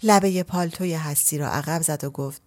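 A woman narrating a literary story as an audiobook, reading at a measured pace. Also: deep voice.

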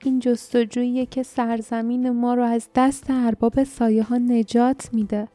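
A woman narrator voicing the gentle ghost of a mother, speaking softly and breathily like a moan of wind. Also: on the high side, flat delivery, no echo, faint music behind, natural voice. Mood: tender, solemn. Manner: soft, breathy, moaning like wind. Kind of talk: audiobook character reading.

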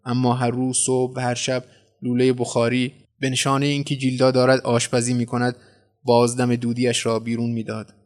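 A man narrating a translated short story in a measured, dramatic storytelling manner. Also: mid-range voice, completely flat delivery.

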